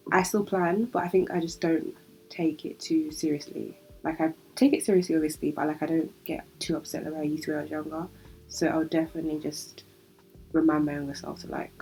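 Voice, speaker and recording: On her solo podcast, a young adult host with a British accent talks in a low, creaky, warm voice, stuffed up and nasal from a cold. Reflective and conversational, she often breaks into laughter, captured on a rough-sounding recording.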